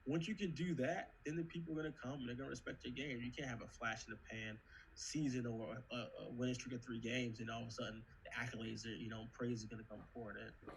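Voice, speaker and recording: A man talking in casual chat as a podcast guest, animated, repeating himself, swearing freely and laughing often. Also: mid-range voice, fast talker, slight background noise, poor audio. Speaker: guest on a gaming league podcast.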